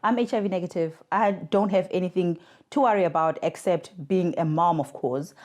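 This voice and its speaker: A lowish, darkish voice at a moderate pace comes from a woman in her thirties from South Africa. As a podcast guest on a remote line, she reflects earnestly on her personal story, drawing on her role in communications for a mothers' charity.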